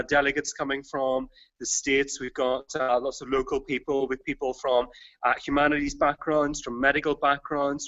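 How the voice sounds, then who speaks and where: A man with a bright, forward voice at middle pitch talks like an organiser explaining an event. His phrasing is academic and halting, heard over lo-fi video-call audio. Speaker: conference organiser. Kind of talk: informal explanation.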